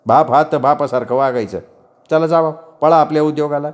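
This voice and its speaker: A man voicing a sly, gruff village father who drawls and mocks in rustic dialect. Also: on the high side, fairly quick, highs cut off, voice pushed up, natural voice. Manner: drawling, mocking rustic speech.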